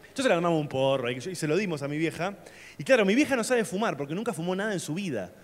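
A man's voice: fairly high pitch, expressive, fast. A young man with an Argentine accent, performing a stand-up comedy set with loose, slangy storytelling. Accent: Argentine Spanish. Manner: loose, slangy storytelling with sudden shouted bits. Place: theater stage at a comedy festival. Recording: live theater with long reverb and faint ambience. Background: audience laughter.

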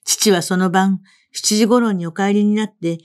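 A woman narrating a literary story in the first person, in a measured reading voice. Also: mid-range voice, fairly even intonation, a little mellow. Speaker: reader.

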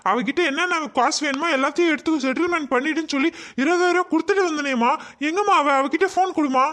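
An anxious young husband, voiced by a man, fires off worried questions in a cartoon. His voice sits very high and sounds bright and sharp. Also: fast talker. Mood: explaining. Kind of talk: cartoon voice acting.

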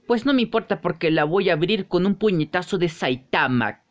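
A man's voice: high-pitched, lively intonation, moderate pace. A man doing a playful voice-over for a game parody, making his own sound effects. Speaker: YouTuber.

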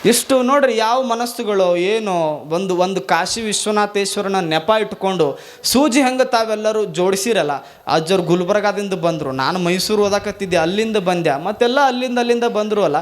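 High-voiced North Karnataka monk preaching. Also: male voice, normal speed. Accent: North Karnataka Kannada. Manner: folksy storytelling with rhetorical questions. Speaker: monk giving a spiritual discourse. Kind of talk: sermon.

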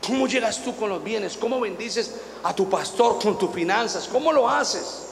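A man's voice: high voice, expressive, moderate pace, vocal fry, slight background noise. Man preaching in an echoing hall. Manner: folksy storytelling, acts out anecdotes, rising to shouted exhortation. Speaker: apostle preaching to pastors. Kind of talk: conference sermon. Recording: echoey hall reverb, faint ambience.

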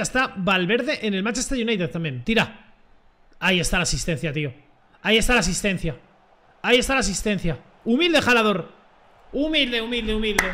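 A young man giving excitable, joking commentary over his own football video game match. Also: high voice. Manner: excitable, joking, shouts at plays. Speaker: gaming streamer. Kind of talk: live gameplay commentary.

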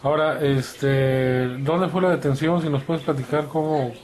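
A woman's voice: deep voice, fairly even intonation, a little slow, a little mellow. A woman reporter, asking short questions and murmuring along as the others talk. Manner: brief questions, frequent backchannel murmurs. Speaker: interviewer, reporter.

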